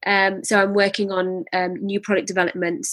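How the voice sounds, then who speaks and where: A woman's voice: mid-range voice, little pitch movement, a little fast, fairly bright tone. A woman in her thirties answering interview questions casually, candid and a little hesitant. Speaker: business founder being interviewed.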